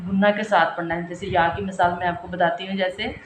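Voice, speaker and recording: A woman teaching a step-by-step recitation lesson, asking and answering her own questions and stretching each example out slowly. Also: lowish voice, fairly even intonation, reverberant, background noise. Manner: repeats examples slowly and drawn out.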